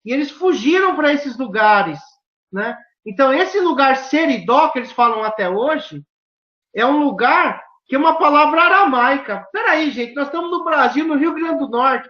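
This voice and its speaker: A woman's voice: high-pitched, lively intonation, normal speed, a bit bright. A woman from southern Brazil with a southern Brazilian accent, telling stories animatedly and acting out quoted dialogue with emphatic questions. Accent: southern Brazilian Portuguese. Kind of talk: animated storytelling conversation. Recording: roomy, dull lo-fi sound.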